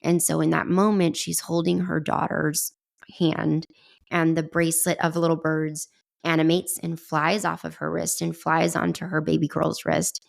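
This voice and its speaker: Low gravelly woman podcast co-host. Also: flat delivery, moderate pace. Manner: emotional retelling, voice catching near tears. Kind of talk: casual film discussion.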